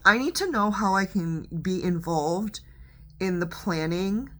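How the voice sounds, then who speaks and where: A woman's voice: medium pitch, lively intonation, a little slow. Rambling stoned woman, slangy and sweary. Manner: stoned, rambling stoner drawl, losing her thread. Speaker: vlogger. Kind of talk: casual rambling movie recap to viewers.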